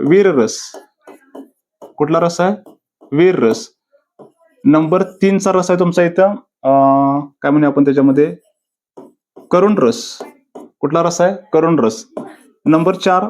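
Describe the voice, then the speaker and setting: In a video lecture styled like a classroom, a man who teaches exam prep runs through answers again and again, posing questions to himself and answering them. His voice is fairly high and a little mellow, and he slows down to recite quoted verses with drawn-out deliberation.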